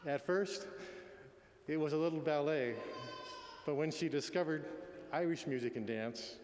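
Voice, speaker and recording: A man in his sixties giving a eulogy in a tender, faltering, halting way. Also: on the high side, darkish tone. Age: 60s. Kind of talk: eulogy, spoken address. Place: large echoey room at a memorial gathering. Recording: echoey hall with long reverb.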